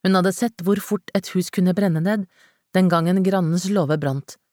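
Low-voiced woman reading a dramatic story. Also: a little mellow, dry recording. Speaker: audiobook narrator. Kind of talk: scripted narration. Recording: dry close studio sound.

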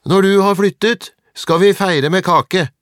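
A man's voice: fairly low pitch, no room sound, studio quality, natural voice. A man voicing an eager, gossiping young village boy in a storybook. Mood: gleeful.

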